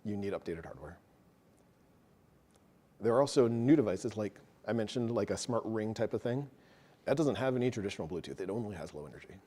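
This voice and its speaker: A man presenting a technical talk to a live audience, quick and casual, joking about himself. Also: lowish voice, expressive, warm tone. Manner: fast, casual, self-deprecating. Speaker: meetup presenter. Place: meeting room with an audience.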